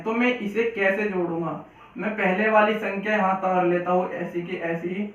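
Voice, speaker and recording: Brief: male math teacher, high voice, patient and repetitive, recorded from far off with a muffled sound. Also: a bit bright. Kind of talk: Hindi classroom-style lesson. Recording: echoey, distant, dull room sound.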